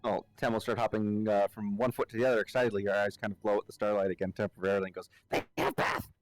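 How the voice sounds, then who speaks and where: A man playing a tabletop game and describing his character's actions in a giggly, animated way. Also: on the low side, racing, dry recording, soft background music. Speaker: player. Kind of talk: casual tabletop play.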